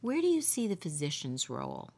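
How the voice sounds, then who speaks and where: Deep-voiced woman host, rambly questions. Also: huge pitch swings, a little fast, creaky, a little mellow. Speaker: interviewer host. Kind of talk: interview questions.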